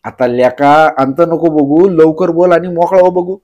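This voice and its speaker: A man's voice: mid-range voice, moderate pace, darkish tone, lightly acted. Stern village chief, impatient, pressing, raised voice, by a man.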